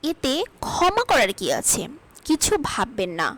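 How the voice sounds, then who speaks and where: A woman teaching spoken English, reading each sentence aloud slowly and carefully, twice over. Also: on the high side, sing-song, fairly bright tone, rough recording.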